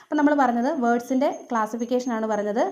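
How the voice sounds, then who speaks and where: Woman tutor, fast exam-prep lecture, slightly high voice, explains point by point. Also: darkish tone. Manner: explains step by step, mixing English terms into Malayalam. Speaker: teacher.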